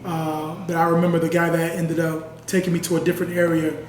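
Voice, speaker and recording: A man with a high voice recounts his experiences in a sit-down interview, earnest and conversational. He is picked up from a distance by the mic. The room is roomy, with a faint hum of ambience behind him. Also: monotone, brisk. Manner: earnest, conversational, heavy use of "you know". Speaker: interview guest. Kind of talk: personal storytelling in a sit-down interview.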